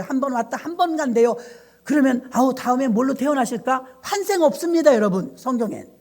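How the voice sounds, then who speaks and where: A woman's voice: high voice, a little mellow. A middle-aged woman pastor preaching a sermon, emphatic and firing rhetorical questions at her congregation.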